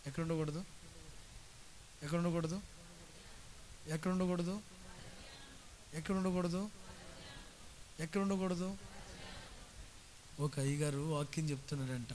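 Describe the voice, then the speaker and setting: A man pastor preaching a sermon, telling stories and building up to loud, forceful exhortation. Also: a little high, normal speed, long pauses, a little hiss or hum. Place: church worship service.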